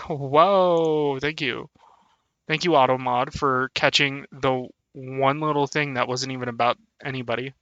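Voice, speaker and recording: A man's voice: medium pitch, steady tone, measured pace, a bit bright, clear, resonant tone, dry recording, lo-fi sound. A young man chatting casually on a live stream, laughing often and thanking his viewers. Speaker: VTuber streamer.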